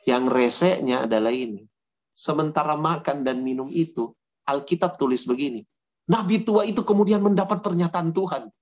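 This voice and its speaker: A man preaching to young people in a casual, chatty storytelling way, slangy and lively as he retells a Bible story. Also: fairly high pitch, moderate pace. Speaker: pastor. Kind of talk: casual storytelling sermon to youth. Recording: dull lo-fi sound.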